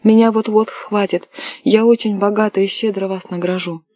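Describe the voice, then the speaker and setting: A frantic young English lady begging for shelter, her voice climbing high and loud, as an audiobook reader puts her on. The tone stays husky and mellow, dry and close. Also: fairly even intonation, moderate pace, dry recording, natural voice. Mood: pleading. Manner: pleading, rising to cries. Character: desperate young English noblewoman fleeing captors. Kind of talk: audiobook character voice.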